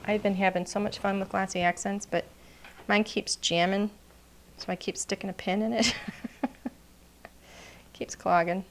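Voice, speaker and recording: A woman leads a relaxed card-making demonstration from her craft room, talking at an ordinary middle pitch. She chats and gushes over her work, sliding into soft murmurs as she concentrates. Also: normal speed, long pauses. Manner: chatty, gushing, often drops to a murmur while working.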